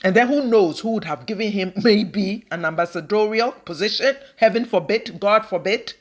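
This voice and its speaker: A woman's voice: mid-range voice, normal speed. A woman from Ghana hosting a reaction commentary, exasperated and often laughing scornfully between remarks. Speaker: commentary channel host.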